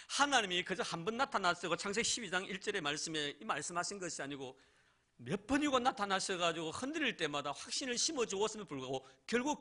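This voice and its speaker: A man's voice: high-pitched, sharp tone. A male pastor preaching a sermon in church, asking rhetorical questions and addressing the congregation directly.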